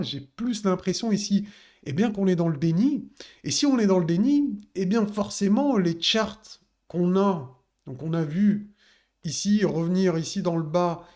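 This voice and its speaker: A man's voice: high voice, a little mellow. A man talking casually through a crypto chart analysis, addressing viewers directly with many fillers.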